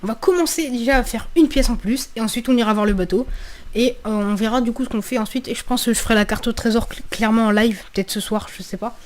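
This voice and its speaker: Woman, fairly high voice, video game commentary, informal and slangy, sweary, thinks out loud, repeats herself. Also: quick pace. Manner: thinking aloud, repeating phrases. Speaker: gaming video creator. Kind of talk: casual let's play commentary.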